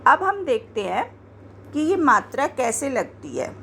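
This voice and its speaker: A woman teaching Hindi spelling, slowly and patiently saying each example word again to show how it sounds. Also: high voice, wildly swooping pitch, creaky, a bit bright, slight background noise. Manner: slow, patient, repeats words to show pronunciation. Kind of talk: explaining grammar to learners.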